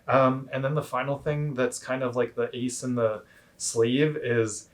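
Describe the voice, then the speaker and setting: A man giving casual, instructional explanations as a coach, in a halting, hedging way. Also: mid-range voice, fairly even intonation. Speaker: cold plunge coach.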